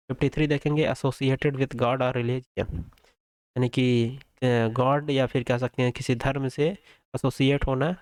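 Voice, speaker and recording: A man with an Indian accent teaching an English vocabulary lesson, reading English prompts slowly, explaining them in Hindi and asking the learner which option is right. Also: medium pitch, darkish tone, clear, resonant tone, no echo. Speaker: English exam tutor. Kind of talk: quiz-style vocabulary lesson.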